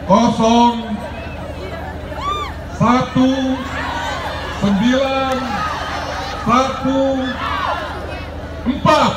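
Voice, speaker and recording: A man's voice: extremely high pitch, steady tone, drawn-out words, long pauses. A man as a stage guest, reading out raffle numbers digit by digit. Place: outdoor festival stage at night. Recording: distant echoey PA, loud crowd noise.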